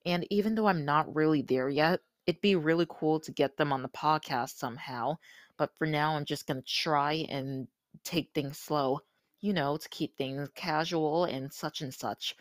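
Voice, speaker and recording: An eighteen-year-old podcast host talking casually in a slightly crusty, somewhat monotone voice, recorded with earbuds used as a microphone. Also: mid-range voice, moderate pace, no echo, studio quality. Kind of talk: casual solo podcast talk.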